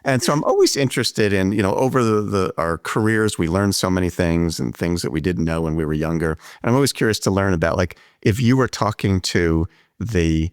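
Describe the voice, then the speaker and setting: A man hosting a podcast conversation, speaking in a measured, reflective way and explaining his ideas at length. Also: low-pitched, clear, resonant tone, dry recording, clean studio sound. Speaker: podcast host. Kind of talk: conversational interview.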